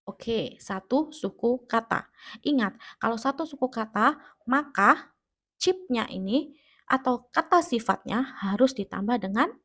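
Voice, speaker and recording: A woman's voice: fairly high pitch, expressive, a little slow, fairly bright tone. A woman teacher with an Indonesian accent giving a grammar lesson, explaining step by step and checking that students understand. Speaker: English teacher. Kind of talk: classroom-style grammar lesson.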